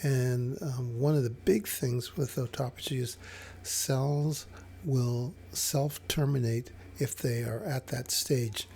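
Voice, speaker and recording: A man explaining fasting over slides in a casual, hesitant way, with many fillers and restarts. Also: medium pitch, fairly even intonation, creaky, dark tone, a little hiss or hum. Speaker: health educator.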